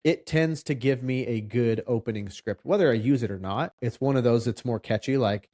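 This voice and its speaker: A man speaking at an ordinary pitch in a casual podcast conversation. He explains things conversationally, acting out little example lines as he goes. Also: moderate pace, warm tone. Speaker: loan officer, podcast co-host.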